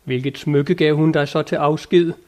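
An eager, lofty old knight from a storybook, full of high-flown devotion, as a male narrator reads him, in a fairly high voice. His speech is grand and old-fashioned, urging and exclaiming. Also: steady tone, darkish tone, lightly acted. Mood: ardent. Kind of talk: audiobook character reading.

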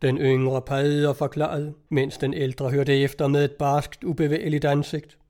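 A man narrating a novel aloud in a measured, even storytelling manner. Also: fairly high pitch. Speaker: audiobook reader.

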